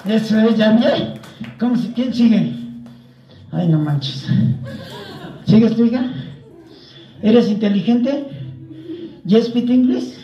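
A man's voice: very high voice, a little slow, long pauses, muffled recording. A middle-aged man with a Mexican accent doing a party clown's teasing, crude comedy patter with the audience, heard over a distant PA. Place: covered patio party at night. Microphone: handheld mic through speaker, filmed from afar. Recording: echoey PA, distant phone, crowd noise. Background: party crowd.

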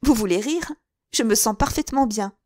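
A woman reading an audiobook, voicing a lively, headstrong young woman with an eager, breezy manner. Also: a little high, normal speed, dry recording, studio quality, voice pushed up, close to an everyday voice. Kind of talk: audiobook dialogue.

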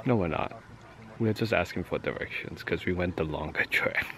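A man's voice: deep voice, moderate pace, a crowd in the background. A man in his twenties, vlogging with a camera at arm's length on a bush walk and at a train station, teasing and playful. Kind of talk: casual chat. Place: forest trail outdoors, then a train station. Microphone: handheld camera at arm's length.

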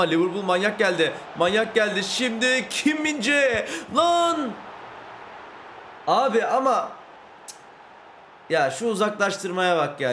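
Excitable young man gaming commentary. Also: on the high side, a little hiss or hum. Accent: Turkish from Turkey. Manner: excitable, quickly frustrated, swears mildly. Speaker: gaming YouTuber. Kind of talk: FIFA career-mode commentary.

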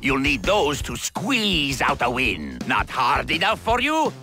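An actor voicing Wario, a greedy, boastful male schemer in a video game, brash and gravelly, over loud game music. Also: medium pitch, huge pitch swings, slow, exaggerated voice. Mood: taunting. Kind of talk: video game cutscene voice acting.

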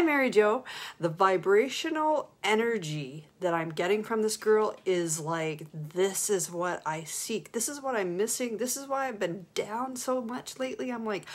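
A middle-aged woman hosting a casual live stream from her phone, excited and upbeat, rambling with fillers. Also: medium pitch. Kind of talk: casual Facebook live chat.

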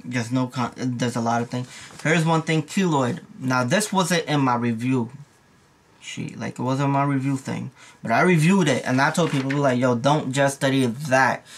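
A man's voice: medium pitch, moderate pace, slight background noise. A young man and nursing student giving a casual, rambling exam review, full of slang and repeated asides. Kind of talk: casual study review vlog.

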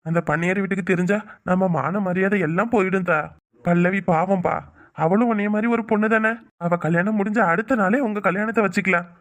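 A woman voicing a soft-hearted village uncle in a cartoon, coaxing and scolding a stubborn niece. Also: mid-range voice, fairly even intonation, brisk, close to an everyday voice. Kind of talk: cartoon voice acting.

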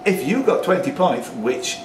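A man with a rather high voice and wide pitch swings speaks unhurriedly while hosting a live pub quiz indoors. He reads out questions with chatty, joking asides, captured by a distant microphone in an echoey, noisy pub.

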